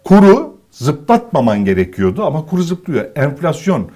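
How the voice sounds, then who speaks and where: A man's voice: fairly high pitch, wildly swooping pitch, moderate pace, dark tone. A man in a political commentary chat, explaining economic points emphatically and asking rhetorical questions.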